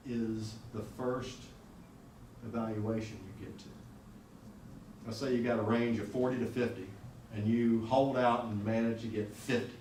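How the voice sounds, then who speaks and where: A man's voice: mid-range voice, darkish tone, slight background noise. A man teaching a class on salary negotiation in a blunt, conversational way, often asking the students questions. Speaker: lecturer. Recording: echoey room audio recorded from a distance.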